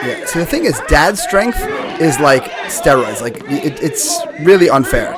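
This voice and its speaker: A man's voice: a little high, big pitch swings, a little slow, over a noisy crowd. A middle-aged man giving casual, joking fight commentary in colloquial language with a co-host.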